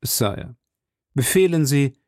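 A man reading an audiobook, voicing a scheming cardinal who speaks in a measured, politely cold way. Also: mid-range voice, expressive, a little mellow, no room sound, studio quality, pitched above the performer's own voice. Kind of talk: audiobook character voice.

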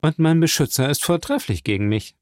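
A man's voice: fairly high pitch, expressive, a little fast, dry recording, clean studio sound, voice pushed up, natural voice. A man voicing a cold, guarded young male impostor who answers curtly, in a storybook reading. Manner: curt, guarded.

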